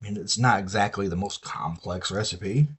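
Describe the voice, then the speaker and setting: Husky Southern man streaming a build. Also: fairly low pitch, normal speed. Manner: chatty, swears freely while soldering. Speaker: streamer building an electronics kit. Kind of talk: casual live-stream chat.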